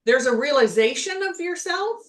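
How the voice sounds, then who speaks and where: High-pitched and expressive, this middle-aged woman talks at a normal speed as a podcast co-host and spiritual healer. Her casual chat is rambling, broken by frequent restarts and laughter.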